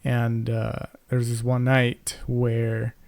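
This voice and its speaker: A man's voice: mid-range voice, completely flat delivery, slow pace, creaky, a little mellow, clean tone, no echo. A young man co-hosting a podcast, telling a family story in casual chat, rambling with many fillers and restarts into a close mic. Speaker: podcast co-host.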